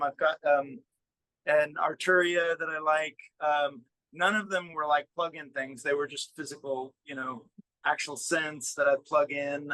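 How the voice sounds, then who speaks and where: This interview features a musician thinking aloud as he explains, speaking casually with frequent pauses. His voice is fairly high and notably bright, recorded dry with no echo, though the audio quality is poor.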